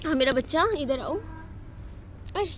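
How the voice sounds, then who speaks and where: A woman's voice: high voice, a little slow, a bit bright, slight background noise. A young woman vlogging outdoors in a park, talking in a tearful, confiding and distressed way. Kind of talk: emotional personal vlog.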